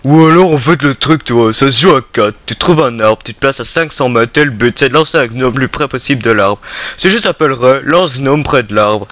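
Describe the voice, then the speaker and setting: Man as bright-voiced, slangy tauren sports coach. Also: medium pitch, fairly quick, no echo, natural voice. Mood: casual, enthusiastic. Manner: slangy, peppered with "tu vois". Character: laid-back male tauren coach, inventor of gnome tossing. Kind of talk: mock radio interview.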